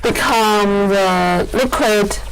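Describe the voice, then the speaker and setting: A woman giving an explanatory product demonstration in halting, non-fluent English, often repeating words as she goes. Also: medium pitch, background noise. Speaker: equipment company presenter giving a machine demo.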